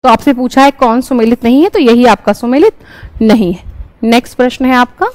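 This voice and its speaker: A woman's voice: fairly high pitch, a little fast, a little mellow, no echo, low-quality recording. A young woman teaching an exam-prep class, explaining each answer step by step and often checking in with her listeners. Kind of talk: exam-prep lesson, solving questions.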